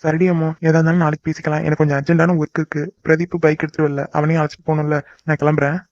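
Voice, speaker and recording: A man voicing a gentle young man in a cartoon, soothing and teasing his crying sweetheart. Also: fairly high pitch, flat delivery, rapid-fire, no room sound, natural voice. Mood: teasing casual. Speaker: voice actor. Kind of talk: cartoon love-story dialogue. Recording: dull lo-fi dry recording.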